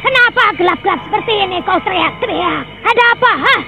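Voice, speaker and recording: A woman's voice: very high voice, expressive, quick pace, gravelly, heavily acted. An actress playing a feisty old village grandmother in a radio drama, coaxing and then sharply indignant. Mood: placating. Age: older. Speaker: grandmother figure. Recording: dull lo-fi radio audio with faint music.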